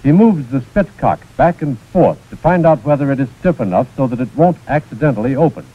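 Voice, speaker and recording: An American man with an expressive, medium-pitched voice narrates a little fast, reading a 1940s instructional film script with formal precision. The audio is muffled and scratchy, typical of a 1940s film soundtrack.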